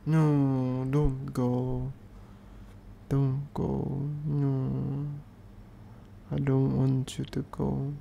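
A man's voice: medium pitch, completely flat delivery, very slow, vocal fry, pauses often, warm tone, lo-fi sound, slight background noise. A British man doing an ASMR role-play as a needy, clingy, playful boyfriend, speaking in an intimate, affectionate, pleading way. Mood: tender, pleading.

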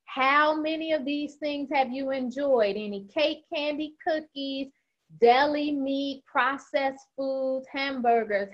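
A woman dietitian with a fairly high voice gives a casual nutrition presentation and talks fast. She is chatty, with frequent "um" fillers. The audio is slightly dull and lo-fi, like an online meeting.

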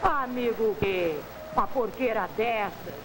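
A woman's voice: fairly high pitch, unhurried, lightly acted. Nanny played by a woman: middle-aged, indignant, haughty scold, vintage film with noisy soundtrack. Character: indignant, scornful middle-aged nanny defending her dignity. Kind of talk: 1950s film comedy-drama acting.

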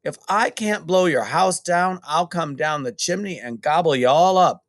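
A man's voice: a little high, normal speed, no echo, clean studio sound, voice pushed up, natural voice. A man voicing a hungry, menacing big bad wolf in a storybook, chanting threats emphatically. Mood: furious.

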